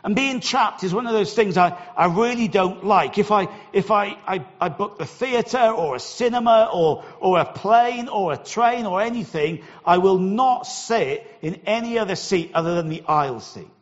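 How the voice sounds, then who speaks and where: A man's voice: sits high, lively intonation, moderate pace, hardly any pauses, big-room sound, dull audio. A middle-aged Welsh man preaching a sermon, telling a personal story in a chatty way and often repeating his first words. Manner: conversational storytelling, repeats words when starting.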